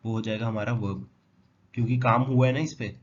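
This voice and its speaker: A man explains English words at a measured, patient pace, firing quick questions at his viewers and answering them himself. His voice sits in a middle register. The recording is a little dull and lo-fi, with faint noise underneath. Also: medium pitch, fairly even intonation. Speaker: English vocabulary teacher. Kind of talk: explanatory lesson.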